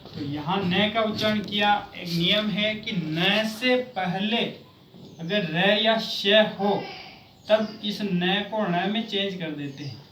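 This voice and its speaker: A man teaching a Sanskrit grammar lesson in speech, explaining slowly and chanting word forms in a sing-song way. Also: high-pitched, fairly bright tone. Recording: echoey room, mic far off, noisy.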